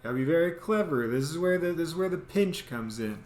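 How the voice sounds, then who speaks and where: Here the host's voice is a little high and a little fast as he tells a funny, casual story from his own life. He acts out quoted lines and sound effects with animation, in an echoey, roomy space.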